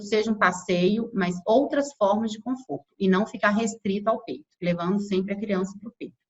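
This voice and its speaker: A woman's voice: medium pitch, a bit bright, lo-fi sound. A woman with a Brazilian Portuguese accent, an infant sleep consultant giving an online workshop lesson in a conversational way, often checking in with her listeners. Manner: conversational, frequent tag questions.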